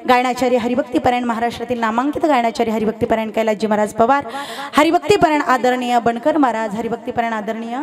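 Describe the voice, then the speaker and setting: A young woman kirtan preacher, giving a loud, animated devotional sermon before a live audience, teasing and telling stories. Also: on the high side, fast, a crowd in the background. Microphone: sound system microphone.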